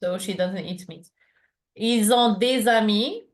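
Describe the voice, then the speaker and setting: A woman's voice: medium pitch, measured pace. A woman teaching a one-to-one lesson over a video call, explaining patiently with many fillers and restarts. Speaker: French tutor.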